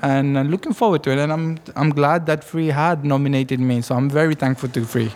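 A man from Afghanistan with an Afghan accent, speaking English in a casual interview about his fundraising award, pausing often with ums. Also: fairly high pitch, fairly even intonation, darkish tone, a little hiss or hum. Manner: hesitant, with frequent ums.

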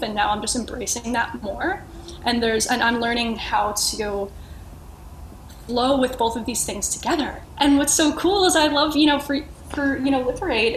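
A woman podcast guest talking earnestly and reflectively, searching for words and restarting often. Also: on the high side. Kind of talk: reflective conversational sharing. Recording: echoey room with faint noise.

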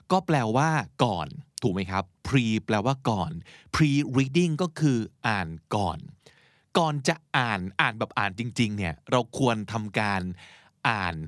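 A man's voice: medium pitch, no room sound, clean studio sound. A man hosting a podcast, teaching English vocabulary in a chatty, encouraging way and mixing in English terms. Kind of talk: casual explanatory teaching.

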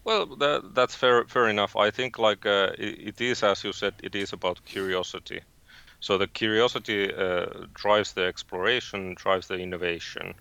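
A man from Finland with a Finnish accent, a guest in an interview, speaking haltingly with many fillers and restarts. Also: fairly low pitch, vocal fry, pushed and bright, clear, resonant tone, dry recording, highs cut off. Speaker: guest, space company founder. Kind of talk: interview conversation.

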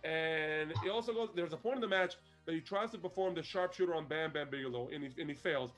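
High-voiced man recapping wrestling. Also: fast, faint music behind. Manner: animated storytelling, laughs often. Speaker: podcast co-host. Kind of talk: casual wrestling recap chat.

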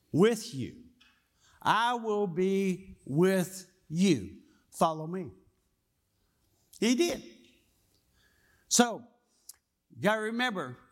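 High-voiced, unhurried man preaching. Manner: folksy storytelling, asks the congregation questions. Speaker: pastor. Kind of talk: sermon.

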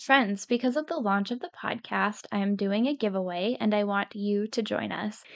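A creaky mid-range voice at normal speed belongs to a woman in her thirties doing a podcast monologue. Sleep-deprived and slightly scratchy, the host speaks to her listeners sincerely and encouragingly.

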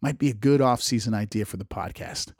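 A man with a strained, struggling voice, talking casually and a bit haltingly as he hosts a solo podcast. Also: fairly low pitch, darkish tone, breathy edge, no echo, clean studio sound. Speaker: podcast host and radio DJ.

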